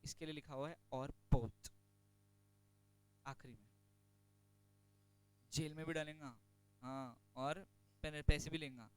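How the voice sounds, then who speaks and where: A man teaching a class, chatty and joking, slowing right down to dictate notes. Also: on the high side, steady tone, clean tone. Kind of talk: classroom lecture on company law.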